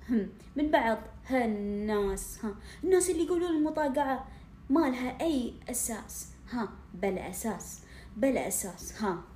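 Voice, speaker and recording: A woman's voice: a little high, mellow, roomy sound, slight background noise. A woman, earnestly rapping in a homemade video, humming hm and ha between lines. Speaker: amateur rapper in a played clip. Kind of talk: amateur rap with spoken intros.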